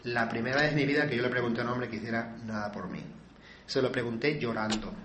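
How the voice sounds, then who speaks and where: A man shares his own story with earnest, confessional feeling. His voice sits in a middle pitch and echoes around a roomy space. A faint hum of ambience carries underneath. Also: fairly even intonation, fast talker, fairly bright tone. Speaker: speaker sharing his recovery story. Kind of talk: personal testimony.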